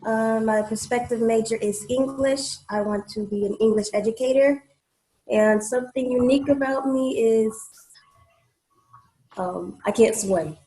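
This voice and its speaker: A young woman from Detroit, an incoming student, introducing herself quietly over a video call. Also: fairly high pitch, unhurried, echoey room, poor audio. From Detroit, Michigan.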